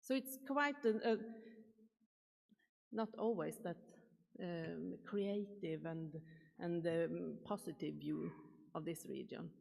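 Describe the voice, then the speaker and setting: A Swedish woman with a Swedish accent delivers a chatty keynote in a large conference hall, asking the audience questions. Her voice is lowish and darkish, slow and creaky, with frequent pauses. The recording carries the hall's reverb.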